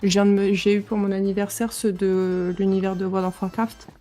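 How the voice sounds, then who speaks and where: A woman's voice: mid-range voice, monotone, a little fast, mellow, soft background music. A woman guest chatting enthusiastically on a video call. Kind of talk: casual video-call chat.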